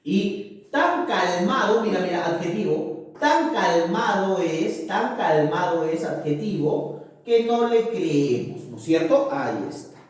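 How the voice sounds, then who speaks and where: A man's voice: high voice, expressive, slow pace, far from the mic. A male teacher giving a grammar lesson, checking in with his students after nearly every point. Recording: echoey room, voice off-mic.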